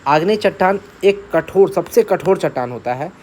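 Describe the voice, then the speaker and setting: A man's voice: sits high, lively intonation, normal speed, darkish tone. A man teaching exam-prep geography, repeating key terms, asking questions and answering them himself, and checking in often with his students. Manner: checks in often with "theek hai".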